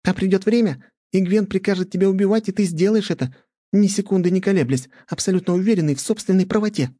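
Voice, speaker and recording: Man doing a cutting red-haired girl, high voice, mellow tone, dry sound, audiobook. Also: quick pace, no room sound. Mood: accusing. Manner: mocking, cutting. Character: sharp-tongued red-haired young girl.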